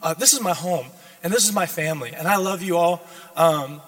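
A young man from Minnesota preaching a sermon in a hoarse voice, earnest and exhorting, with informal check-ins. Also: fairly high pitch, brisk, fairly bright tone. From United States, Minnesota. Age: young adult. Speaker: guest preacher. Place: large church sanctuary, speaking to a congregation. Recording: reverberant church sanctuary.

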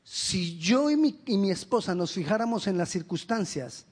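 Male pastor, higher-pitched voice, emphatic sermon delivery with rhetorical questions. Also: slightly rough. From Colombia. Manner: animated storytelling with quick asides.

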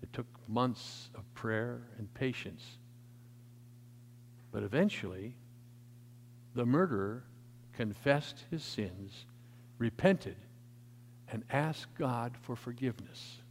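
Male pastor, emphatic sermon, lively pitch, long echo of a church sanctuary. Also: slow, long pauses, slight background noise. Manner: emphatic preaching that swells in volume, then drops to soft.

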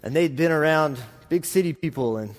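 With faint music behind him, a man with a slightly high voice preaches at a normal speed in a rural Texas drawl. His sermon is a rambling, folksy, self-deprecating talk full of anecdotes, given to a congregation in a large room with a reverberant hall sound.

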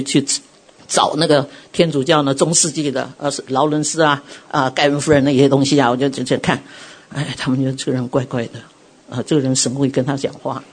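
Middle-aged woman preacher, bit husky, sermon full of stories, acts out the quotes. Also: rumbling low. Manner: animated storytelling, acts out quotes. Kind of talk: sermon with personal testimony.

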